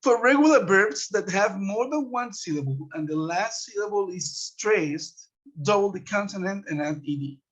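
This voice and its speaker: A man with a high, fairly bright voice teaches English grammar online, sounding animated yet unhurried. He patiently walks his students through one rule at a time, checking in as he goes, and the web conference computer mic yields dull, lo-fi audio.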